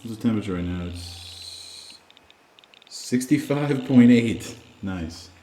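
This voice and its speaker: A man's voice: fairly low pitch, lively intonation, takes it slowly, warm tone, slight background noise. A man hosting a haunted cave tour in a casual, joking, playful way. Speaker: host of a haunted cave investigation. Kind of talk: casual on-location ghost tour presenting.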